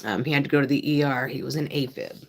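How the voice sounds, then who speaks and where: A woman's voice: a bass voice, fast, gravelly, a little hiss or hum. An older woman hosting a casual live stream, laughing often and chatting with her dog and viewers. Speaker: livestream host.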